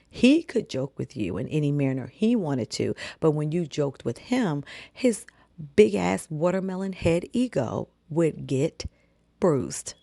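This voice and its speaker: Low gravelly woman chatting her opinions. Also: no room sound, clean studio sound. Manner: animated, conversational, frequent "okay?" check-ins. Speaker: commentary channel host. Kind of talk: casual opinion commentary.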